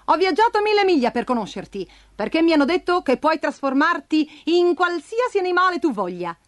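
A woman's voice: extremely high pitch, sing-song, brisk, voice pushed up. A woman voicing a sly, coaxing male cat who wears boots, with a hissing edge in a storybook reading. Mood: flattering.

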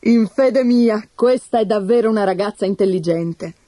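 A woman's voice: medium pitch, normal speed, mellow, dry recording, natural voice. A woman voicing a proud, teasing male tsar in a storybook reading, with blustering, boisterous speech. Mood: amused, boastful.

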